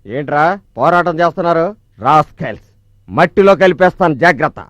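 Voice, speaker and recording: A man playing a bullying boss villain in a Telugu film drama, blustering and quick to turn from threats to cowardice. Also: on the high side, animated, a bit bright, no echo. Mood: menacing contempt. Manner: blustering, menacing. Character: bullying male boss villain, threatening, then craven when cornered.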